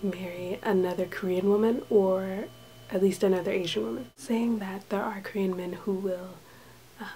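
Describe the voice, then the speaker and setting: Soft-spoken woman vlogging quietly in a small room, mellow tone over a low hum. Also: steady tone, moderate pace, low-quality recording. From United States. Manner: talks softly and hushed, drifting into whispers. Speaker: vlogger, English teacher abroad. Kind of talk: casual personal vlog. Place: small indoor room with thin walls.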